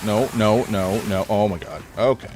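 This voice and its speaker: A gaming streamer plays a horror game live, rambling through commentary, chatting with viewers and reacting loudly when scared. He sounds a little congested, with a lowish voice at a moderate pace, against a noisy background.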